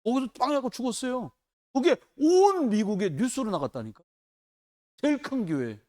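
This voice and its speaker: A man's voice: very high-pitched, normal speed. A man preaching a sermon in church, telling stories in a loose, conversational way and acting out the people he quotes. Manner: animated, colloquial storytelling with acted quotes. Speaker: pastor.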